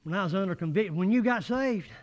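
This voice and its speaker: A man preaching a sermon in church, folksy and rising to shouted fervor. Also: high-pitched, lively intonation, fast, dull audio. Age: 80s.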